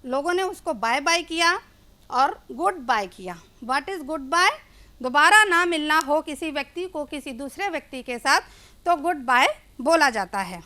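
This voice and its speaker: A woman's voice: high-pitched, animated, unhurried, sharp tone. A woman teacher, explaining English words in Hindi to children during a classroom lesson.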